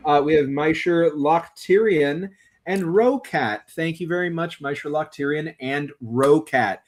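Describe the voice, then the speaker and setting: A man's voice: fairly high pitch, measured pace. A man hosting a livestreamed tabletop game as game master, upbeat and explanatory, addressing the chat directly. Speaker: game master and stream host.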